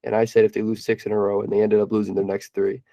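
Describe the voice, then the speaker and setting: A young man co-hosting a casual podcast, bantering and teasing his friend with quick laughs. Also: lowish voice, completely flat delivery, gravelly, mellow, no room sound. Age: young adult. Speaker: podcast co-host. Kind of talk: casual chat.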